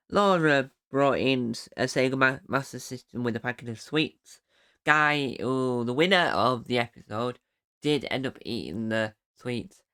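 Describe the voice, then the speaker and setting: Chatty man hosting a podcast, smooth voice. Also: medium pitch. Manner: chatty and rambling, with bursts of excited cheering. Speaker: podcast host. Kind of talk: casual solo podcast recap.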